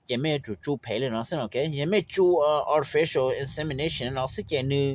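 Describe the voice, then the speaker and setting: A man giving an informal how-to talk on breeding poultry, unhurried and rambling, with frequent fillers. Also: a little high. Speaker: poultry breeder explaining his method.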